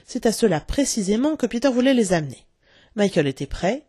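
A woman's voice: medium pitch, big pitch swings, fairly quick, dark tone, husky, no room sound, studio quality. A woman reading a children's story aloud, telling it expressively and acting out the characters. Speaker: narrator.

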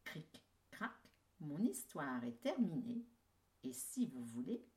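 A woman telling a children's fairy tale aloud, unhurried and carefully paced. Her intonation swoops and rises with lively expression. It is the warm manner of a bedtime storyteller. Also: sits low.

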